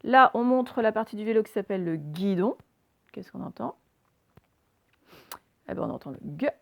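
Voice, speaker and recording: Sounding out letters with slow deliberation, a woman runs a phonics lesson and puts questions to the young children listening. Her mid-range voice is gravelly and expressive.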